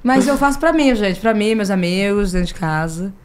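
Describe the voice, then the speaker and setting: A woman with a Brazilian accent, a podcast guest who tells stories in a lively way and acts out the dialogue with laughter. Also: mid-range voice, moderate pace, crowd noise. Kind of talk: casual chat.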